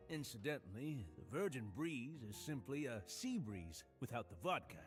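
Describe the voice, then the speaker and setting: Casting: man playing a courtly, unsettling game bartender, lively polite lilt, faint music behind. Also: mid-range voice, moderate pace, natural voice. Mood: genteel. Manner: genteel and polite, oddly eager. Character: suave, courteous male hotel bartender who collects ears. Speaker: game character.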